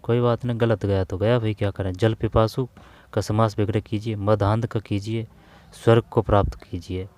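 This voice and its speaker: A man teaching an exam-prep grammar lesson, repeating terms slowly and often calling his viewers "brother". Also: on the low side, little pitch movement, a little mellow. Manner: repetitive, drawn-out explaining, addresses viewers as bhai.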